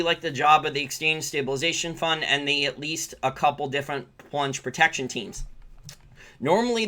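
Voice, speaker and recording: Slightly high and pushed-bright, the voice is that of an American man hosting a finance channel. He answers live viewer questions with informal, off-the-cuff, opinionated commentary on the markets, emphasizing points by repeating them.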